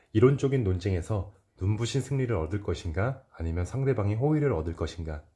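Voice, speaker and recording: A man calmly reading a self-help book aloud, measured, with occasional slips that he corrects. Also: fairly low pitch. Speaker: reader.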